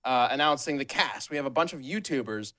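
A man's voice: mid-range voice, lively intonation, pushed and bright. A man hosting a casual show, chatting loosely with co-hosts and laughing often between thoughts. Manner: laughs often, quick restarts. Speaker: host. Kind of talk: casual podcast chat.

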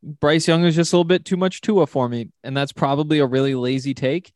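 A man's voice: on the high side, a little fast, a little mellow, dry recording. A man giving his opinions in casual, conversational sports talk as a podcast panelist.

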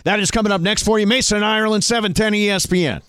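A man's voice: high voice, fairly even intonation, rapid-fire, fairly bright tone, smooth, no echo, studio quality. An American man hosting sports radio, delivering teases in a punchy tabloid TV host manner. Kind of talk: sports talk banter and teases.

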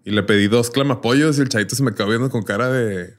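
Young Mexican man, casual podcast co-host, mid-pitched, loose and slangy. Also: fast talker. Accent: Mexican Spanish. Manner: relaxed slangy storyteller, bursts of animated impressions. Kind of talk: casual chat.

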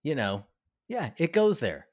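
A man's voice: fairly high pitch, very animated, a little slow. A man co-hosting a podcast, joking and teasing in casual chat. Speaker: podcast co-host.

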